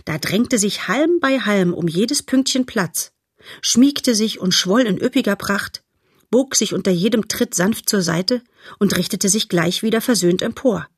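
A woman narrating a children's novel in a lively, expressive storytelling manner. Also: mid-range voice, a little slow, slightly rough, no room sound, clean studio sound. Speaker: audiobook narrator.

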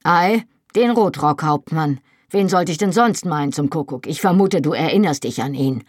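Woman reading a proud young guy all torn up and bitter, low husky voice, dry close mic. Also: lively intonation, normal speed, no echo. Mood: anguished. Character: anguished proud young Scottish man.

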